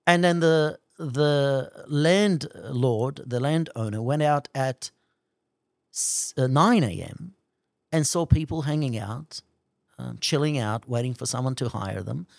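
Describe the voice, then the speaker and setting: A man preaching a sermon in an animated way, putting rhetorical questions to his listeners. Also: slow pace, creaky, no echo, clean studio sound. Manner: animated, swings pitch widely for emphasis.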